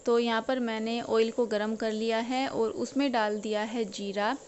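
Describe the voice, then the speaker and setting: A woman's voice: on the high side, flat delivery, normal speed, darkish tone, a little hiss or hum. A woman narrating a cooking voice-over and explaining each step plainly. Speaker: cooking vlogger.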